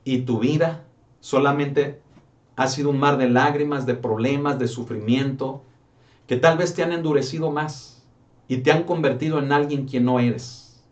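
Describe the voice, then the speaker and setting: Pastor preaching from a distance. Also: male voice, mid-range voice, steady tone, moderate pace, lo-fi sound. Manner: preaching with rhetorical questions, often calling listeners brother. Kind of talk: sermon.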